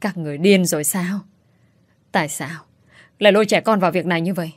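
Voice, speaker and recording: A woman voicing a bitter young woman who accuses her relatives in quick, sharp outbursts, in an audiobook. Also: fairly low pitch, no echo, lightly acted. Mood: bitter, accusing. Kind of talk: audiobook character voice.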